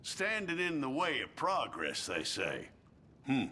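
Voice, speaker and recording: A man's voice: mid-range voice, wildly swooping pitch, measured pace, sharp tone, a little hiss or hum, full character voice. An actor playing a folksy, wry lawman who hands out bounties, speaking in a dry drawl.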